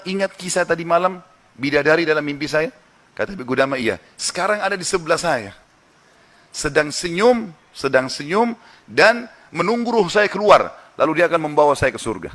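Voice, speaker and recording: A man's voice: fairly high pitch, bright, forceful tone. A man preaching a sermon, retelling a story with quoted dialogue and tag phrases. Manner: retells a story with quoted dialogue, filler tags like "gitu kan".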